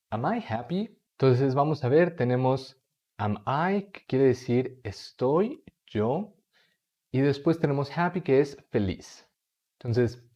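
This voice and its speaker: Man with a Mexican Spanish accent as a patient language teacher, mellow tone, slightly dull recording. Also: medium pitch. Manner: patient, repeats phrases slowly for learners. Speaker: English teacher. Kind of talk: explaining lesson to viewer.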